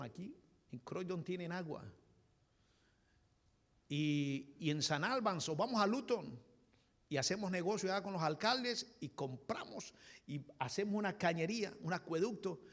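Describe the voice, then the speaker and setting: A man, preaching a sermon as pastor, animated and sometimes shouting. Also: a little high. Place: church hall. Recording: long hall reverb.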